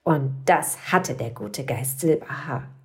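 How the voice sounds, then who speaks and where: Soft-spoken woman reading a children's story. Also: low voice, expressive, slow pace. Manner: soft, often whispery.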